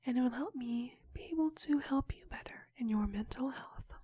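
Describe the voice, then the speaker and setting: A young woman whispers close to the mic in a breathy, mellow voice, slightly high. She plays a clinic counselor in ASMR roleplay and asks slow questions with unhurried pauses. The sound is dry and intimate. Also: dry recording. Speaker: ASMR creator.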